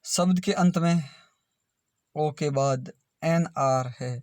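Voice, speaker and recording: In a video lesson on English pronunciation, a man with a fairly high, slightly mellow voice speaks slowly, spelling words letter by letter and repeating them. The studio-quality recording has no echo.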